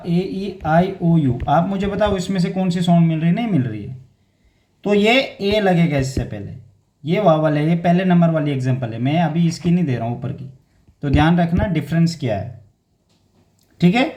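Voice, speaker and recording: A young man with a slightly raised voice runs a casual exam-coaching grammar lesson. He repeats key words and keeps checking that students follow with a steady "theek hai". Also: high voice.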